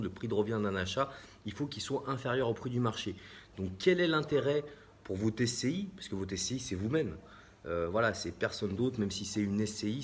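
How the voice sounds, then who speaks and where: Man, French accent, low-pitched, halting with fillers, casual live stream, faint background hum. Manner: hesitant, many fillers and restarts. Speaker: real estate investor hosting a live stream.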